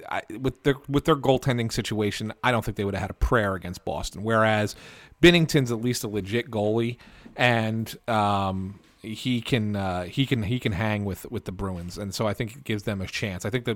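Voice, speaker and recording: A man's voice: fairly low pitch, no echo. A man co-hosting a casual sports podcast, talking eagerly and restarting his sentences.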